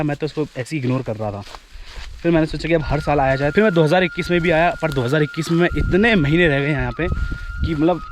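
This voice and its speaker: A young man from India, chatting casually to viewers as he walks on a forest hillside, often repeating his phrases. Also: fairly high pitch. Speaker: travel vlogger. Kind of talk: casual vlog narration while walking.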